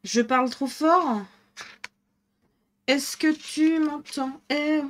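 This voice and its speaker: A woman's voice: high voice, extremely slow. A woman with a northern French accent streaming live, chatting casually and thinking aloud as she colours, laughing often. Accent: northern French (ch'ti).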